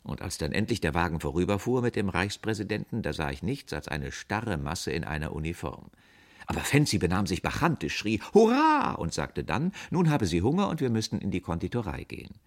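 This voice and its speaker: A man reading a satirical story aloud in a wry, expressive first-person narration. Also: deep voice, fairly quick.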